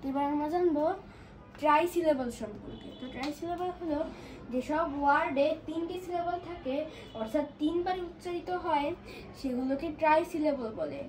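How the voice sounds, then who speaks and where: A woman with a Bangladeshi accent giving a lesson as a teacher, explaining slowly and carefully and drawing out example words syllable by syllable. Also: high-pitched, darkish tone, a little hiss or hum, low-quality recording.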